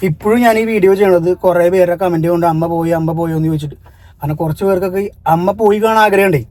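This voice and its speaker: A Malayali family vlogger speaks in a high, rapid voice with a dark, mellow tone. He tells a story earnestly, then turns sharp and scolding toward commenters. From Kerala, India. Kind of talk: casual vlog talk to viewers.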